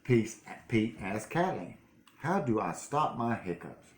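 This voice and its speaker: A man's voice: lowish voice, very animated, takes it slowly. An older man with a grandpa voice, playfully reading a picture book aloud and chatting as a grandfather does with a young child. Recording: roomy home recording, some noise.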